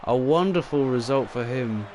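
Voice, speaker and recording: A man commentating a sim racing league with excitable, exclamatory calls. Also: medium pitch, normal speed, background noise. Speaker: race commentator.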